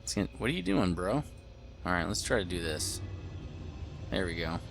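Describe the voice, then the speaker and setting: Rambling man in his late thirties, low voice. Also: very animated, moderate pace, creaky, a bit bright, faint music behind. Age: late 30s. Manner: rambling, thinking aloud while playing. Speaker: gaming video host. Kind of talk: casual gameplay commentary.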